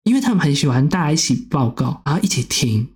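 Fast-talking storyteller. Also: medium pitch. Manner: animated storyteller who acts out quotes. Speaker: podcast co-host, graduate student. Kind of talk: casual podcast chat.

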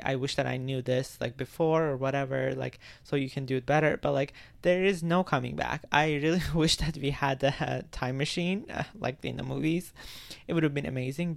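A man's voice: medium pitch, vocal fry, fairly bright tone, dry recording. A young man hosting a solo podcast, musing in a rambling, reflective way with many filler words. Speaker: podcast host. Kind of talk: casual solo podcast monologue.

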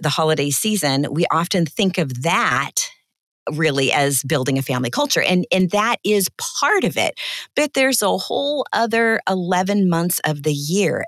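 A woman's voice: low voice, no room sound, clean studio sound. A middle-aged woman hosting a podcast in a casual, chatty way with rambling asides, recorded in a small closet. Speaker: podcast host. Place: small walk-in closet at home.

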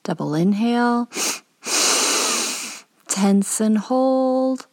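Her voice on the high side, a woman leads a guided meditation with calm, gentle, soothing delivery. She speaks softly, occasionally breathily, and pauses between her instructions.

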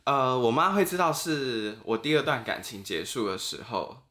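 A man's voice: mid-range voice, moderate pace. A young man with a Taiwanese Mandarin accent, a podcast guest telling a personal story with frequent laughs. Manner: animated storyteller, laughs often. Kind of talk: casual chat, storytelling.

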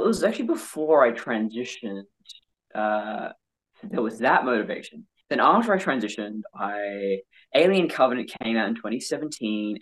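An interview guest with a male-sounding voice, telling personal stories candidly in an animated, self-mocking way. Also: medium pitch, rough recording. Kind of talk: candid personal storytelling in conversation.

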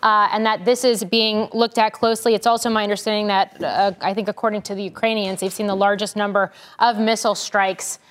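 An American female news anchor with a mid-pitched voice. She reports live in a measured, careful broadcast manner, as a business journalist would. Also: level tone.

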